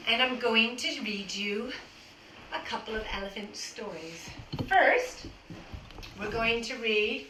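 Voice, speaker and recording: Woman, toddler-group leader, high animated sing-song voice, slow unhurried delivery, roomy echo. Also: slight background noise. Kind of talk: children's songs, movement games and picture-book reading. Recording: echoey room.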